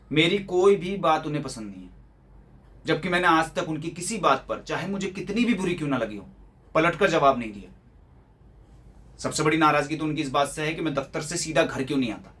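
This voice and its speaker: A man's voice: fairly high pitch, a bit bright, natural voice. A man acting a young office-worker son in a theatrical monologue, complaining with sarcastic rhetorical questions. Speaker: actor performing a monologue.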